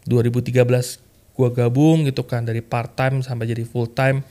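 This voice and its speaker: Slangy man telling his story. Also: moderate pace. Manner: animated, slangy, full of fillers like "kayak" and "gitu kan"; acts out remembered quotes with lively jumps in pitch. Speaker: podcast guest sharing a testimony. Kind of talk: casual storytelling chat.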